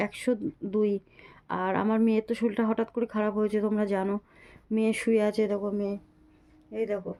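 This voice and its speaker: A woman who is sick with a fever, talking softly and weakly to her viewers in a casual home vlog. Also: on the high side. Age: adult mother. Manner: speaks softly, often near a whisper. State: ill with fever, weak voice. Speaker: family vlogger.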